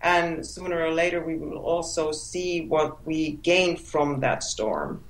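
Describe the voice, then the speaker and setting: Answering questions as an author in an interview, this woman from Finland, a native Finnish speaker, frequently repeats words and starts over as she hunts for the right one. She speaks slowly in a low voice. Poor audio quality and room echo mark the clip.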